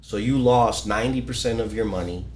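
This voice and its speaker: A man's voice: lowish voice, a little fast, a little mellow, roomy sound, faint music behind. A man from Ecuador talking casually as a guest, explaining things with many fillers and restarts. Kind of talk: casual podcast conversation. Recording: faint background noise.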